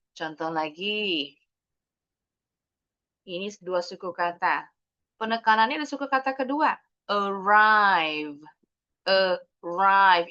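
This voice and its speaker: A woman's voice: lowish voice, a bit bright, highs cut off. An Indonesian woman teaching an English class, explaining patiently and mixing English words into her talk.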